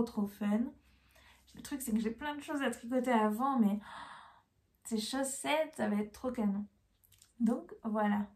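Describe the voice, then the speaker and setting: Young woman gushing about yarn, bit high-pitched, lots of euh. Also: vocal fry. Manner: chatty and enthusiastic, many fillers. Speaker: knitting vlogger. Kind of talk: casual haul video.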